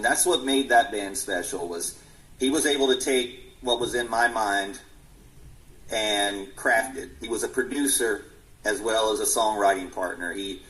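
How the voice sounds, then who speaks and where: A musician guest in his forties speaks with a medium-pitched, slightly bright voice on a rough recording. Earnest in his interview answers, he halts frequently and restarts what he's saying.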